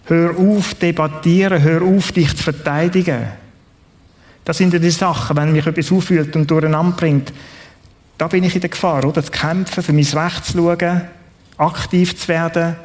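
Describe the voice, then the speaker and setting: A man with a Swiss German accent delivers a sermon in an earnest, conversational tone. His voice sits a little higher than most men's. He keeps checking in with his listeners through quick tag questions. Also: a little mellow. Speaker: preacher.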